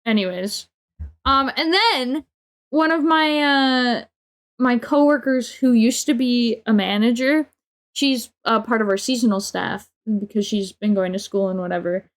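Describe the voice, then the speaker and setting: A young woman streamer ranting in a casual, storytelling way, her voice sitting a touch high. She sounds exasperated and swears freely, with her sentences full of filler words. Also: measured pace. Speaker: livestreamer.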